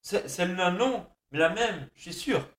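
A man's voice: high voice, animated, normal speed, fairly bright tone, pitched above the performer's own voice. A man voicing a nervous young police officer who stammers and hesitates. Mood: hesitant.

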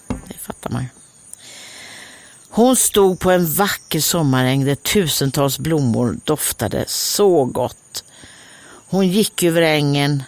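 Lively Swedish comedian reading a fairy tale. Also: female voice, sits low, no room sound. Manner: reads aloud, breaks off for joking asides. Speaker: comedian and host.

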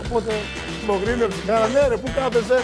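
A man co-hosting a sports podcast, loud, teasing and full of jokes. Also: very high-pitched, over loud music. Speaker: podcast co-host. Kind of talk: casual sports podcast banter.

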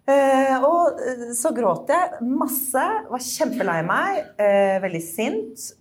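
A woman co-hosting a podcast, chatting casually and laughing often as she tells a personal story. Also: sits high. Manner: laughs often, animated and self-deprecating. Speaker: podcast co-host. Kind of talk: casual chat.

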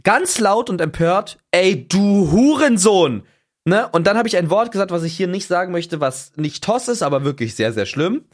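A young man co-hosting a podcast, telling a story in casual chat, animated and swearing freely. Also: high voice, a little fast, hardly any pauses. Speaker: podcast co-host.

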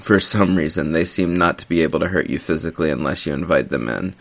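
Deep, gravelly male horror narrator. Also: fast talker. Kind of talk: scripted horror story narration.

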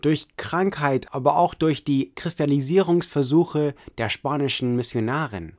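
Man, history narrator, second-person storytelling, earnest, a bit high. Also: normal speed, a little mellow. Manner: earnest storytelling, addresses listener as you.

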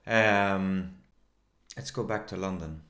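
A man hosting a relaxed interview, giving short encouraging replies and laughing along. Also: sits low, slow, slight background noise. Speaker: podcast host. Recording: echoey room.

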